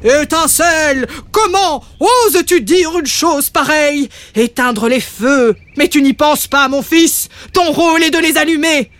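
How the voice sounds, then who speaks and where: A woman's voice: on the high side, slow. A woman voicing a proud, stern male father dragon who speaks in a solemn, commanding way, in a storybook reading. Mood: furious.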